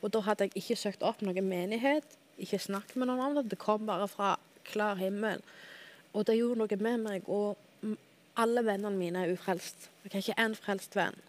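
A woman's voice: mid-range voice, steady tone. A woman guest telling a personal faith testimony in a candid, earnest way, often checking in with the host. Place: television studio.

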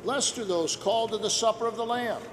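Male priest, somewhat high voice, measured liturgical reading, long cathedral echo. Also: background noise. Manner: measured, formal delivery. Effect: long cathedral reverb. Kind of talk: reciting liturgical prayers at Mass. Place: large church. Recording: church recording with long reverb.

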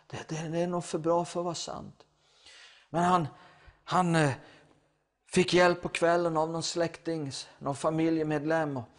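A man preaching a sermon, retelling a Bible story with acted quotes and stammering restarts. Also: fairly high pitch.

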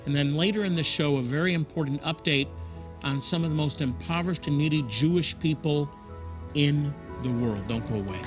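A man's voice: fairly high pitch, fairly quick, over music. A man hosting a religious TV talk show, summarizing his guest's points and speaking to the viewers. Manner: summarizing and addressing the audience.

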